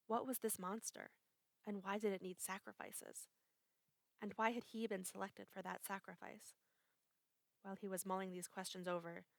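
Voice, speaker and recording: Gravelly-voiced woman reading a dark tale. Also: mid-range voice, no echo. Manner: measured, expressive storytelling. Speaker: narrator. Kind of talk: dramatic reading of a short story.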